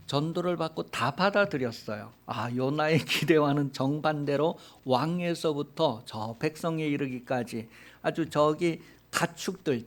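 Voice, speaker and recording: Lively, higher-voiced male preacher. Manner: colloquial, animated storytelling. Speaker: pastor. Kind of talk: sermon.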